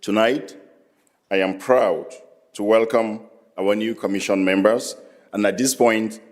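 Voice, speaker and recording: A man delivering a formal, measured prepared speech as a commission chair at a council meeting. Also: fairly low pitch, fairly even intonation. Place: council chamber.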